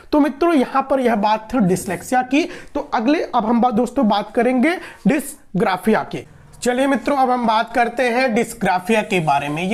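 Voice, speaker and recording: A woman's voice: on the high side, darkish tone. A woman teacher giving an exam-prep lecture, explaining patiently, repeating points and asking and answering her own questions.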